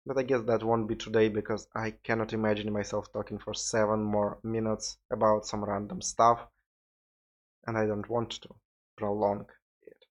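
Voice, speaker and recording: The lo-fi recording is dull, and the host's voice sits fairly low with little pitch movement at a moderate pace. He's a tired man with a Russian accent, rambling casually through a solo podcast and cursing at times.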